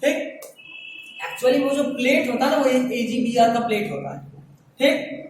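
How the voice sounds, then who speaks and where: A man's voice: extremely high pitch, expressive, measured pace, heavy reverb. Man, chatty joking teacher, classroom lecture, far from the mic, faint background noise. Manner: chatty, joking, questions students directly.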